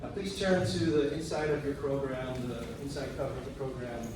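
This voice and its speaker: A man delivering a prepared eulogy in a tender, measured way, with deliberate pauses. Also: medium pitch. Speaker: son giving a eulogy. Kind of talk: prepared memorial speech. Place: large room at a memorial service. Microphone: picked up from a distance. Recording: very echoey, distant, noisy hall.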